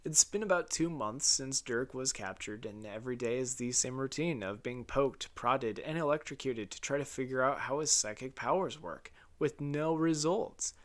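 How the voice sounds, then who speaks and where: Here a man works through his video essay script in one unpolished take, his voice at a typical middle pitch. He talks at a moderate speed with hardly any pauses. Wry and relaxed, he curses now and then and simply restarts any sentence he trips on.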